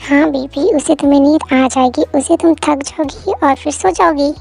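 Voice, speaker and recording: A woman's voice: high-pitched, normal speed, creaky, darkish tone, faint music behind. A woman voicing a tired, grumbling young husband who tries to get some sleep in a fan audio drama. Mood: sleepy grumbling.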